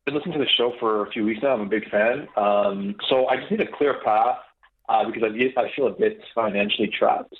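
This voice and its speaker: A man's voice: on the low side, fairly quick. A man in his thirties calling in to a radio talk show on speakerphone, his voice hollow as if inside a barrel, talking hesitantly and restarting his sentences. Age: 30s. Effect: hollow speakerphone sound, as if inside a barrel. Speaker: caller. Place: calling in by phone. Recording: tinny phone line on speakerphone.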